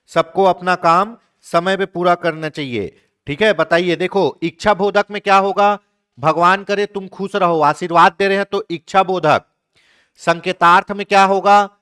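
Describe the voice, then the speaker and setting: A male teacher giving an exam-prep grammar lesson, asking the class questions, answering them himself and repeating key words slowly. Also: high voice, a bit bright, smooth.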